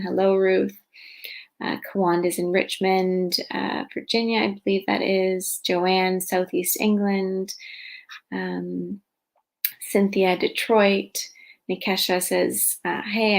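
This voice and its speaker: A woman hosting a live online meditation session, greeting viewers gently and unhurriedly with frequent filler sounds. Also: mid-range voice. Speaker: meditation teacher. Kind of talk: live-streamed guided meditation intro. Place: indoors at home.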